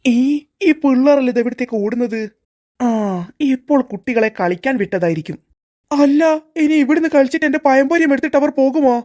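A woman's voice: sits high, fairly quick, warm tone, natural voice. A woman voicing a sneaky middle-aged male school security guard in a cartoon, muttering fondly to his snack and fretting about the principal. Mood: fretful. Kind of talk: cartoon voice acting.

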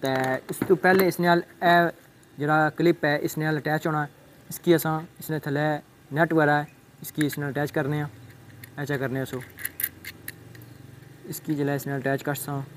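A man's voice: on the high side, little pitch movement, normal speed, pauses often, a little hiss or hum. A young man casually showing how to fit a phone mount to a helmet, rambling and repeating himself, recorded outdoors on a phone. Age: young adult. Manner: rambling, repeats "thik ai" and "check karne aan". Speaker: motovlogger. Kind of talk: casual unboxing and setup demo. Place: outdoors on a rooftop, then a roadside.

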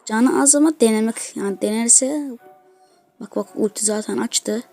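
A woman giving excitable gameplay commentary as a gaming video host, trash-talking opponents as she plays. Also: fairly high pitch, normal speed, vocal fry, faint music behind. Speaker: gaming YouTuber.

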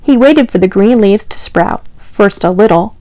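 Speaking directly to small children, a young storytime host tells stories in an exaggerated, encouraging style. Her mid-range voice is expressive and mellow at a moderate pace, recorded dry on a lapel mic clipped to her clothing.

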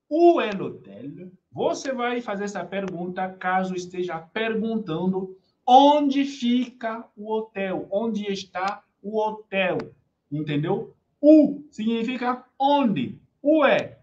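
Slow-paced Brazilian woman teaching French. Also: medium pitch, a little mellow, lo-fi sound. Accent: Brazilian Portuguese. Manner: patient, repeats phrases, checks in with the class often. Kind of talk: online language lesson.

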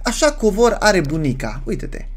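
A man's voice: high-pitched, big pitch swings. A young man hosting a role-play gaming video, playful and hyped, cheering and joking with his partner. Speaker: gaming channel host. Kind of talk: role-play game commentary.

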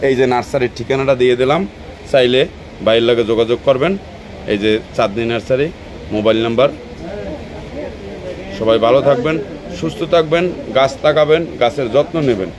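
Brief: male host, outdoor plant fair walkthrough, upbeat promotional patter, mid-pitched voice. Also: brisk, long pauses, crowd noise. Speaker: gardening channel host.

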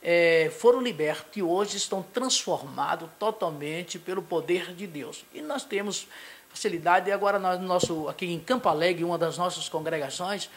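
Speaking into a handheld microphone in front of a logo backdrop in a small studio, a middle-aged pastor from Brazil gives a halting local television interview. His high-sitting voice is hesitant, peppered with fillers, restarts, and tag questions.

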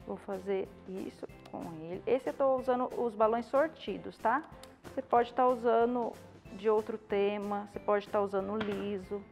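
A woman's voice: medium pitch, steady tone, moderate pace. A Brazilian woman in her thirties gives an informal hands-on tutorial, often adding short checking questions. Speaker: balloon decoration instructor. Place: indoor studio with balloon wall. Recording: music playing under the voice. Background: clear background music.

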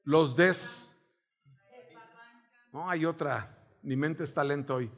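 With a Mexican accent and a voice on the high side, a middle-aged pastor speaks slowly as he preaches. He tells a story full of animated energy, acting out shouted commands along the way.

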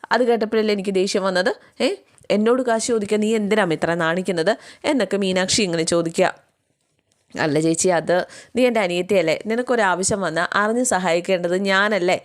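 A woman casually retelling a TV serial's plot, chatty and acting out the characters' lines herself. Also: lowish voice. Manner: chatty, with tags like "you know" and playful voices for the characters.

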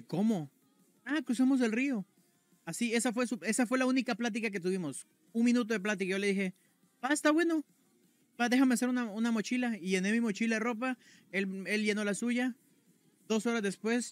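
A man from Guatemala with a Mexican accent chats with his stream audience, telling a story in crude slang and peppering lines with filler. His voice sits a little high. Quiet game music runs in the background. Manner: slangy, crude, keeps tagging "güey". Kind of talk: casual storytelling to chat.

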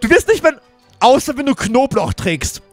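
A woman voicing a shy, friendly young female vampire in a game roleplay, soft and a little teasing. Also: high-pitched, sing-song, normal speed, faint music behind.

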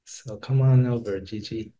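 A man's voice: on the low side, fairly even intonation, moderate pace, mellow, dull audio. A middle-aged man hosting a webinar from home, upbeat as he introduces the next speaker. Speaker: webinar host. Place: home room, indoors. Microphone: laptop on a video call.

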